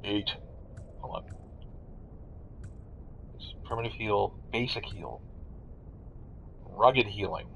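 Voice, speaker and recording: A man's voice: lowish voice, slow, creaky, pauses often, a bit bright, slight background noise, low-quality recording. A man giving casual let's-play commentary as a gamer, joking and muttering asides with some swearing.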